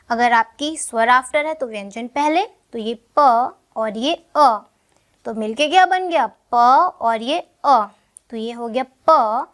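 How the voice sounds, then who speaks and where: A young woman teaching a shorthand lesson step by step, patiently asking questions and answering them herself. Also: high-pitched. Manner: slow, patient, checks in with "ठीक है" often.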